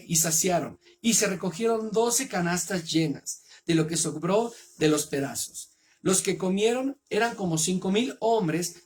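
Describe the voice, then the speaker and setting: A man with a Mexican accent reading the Bible aloud and then preaching on it in an earnest, measured way. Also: high-pitched, husky.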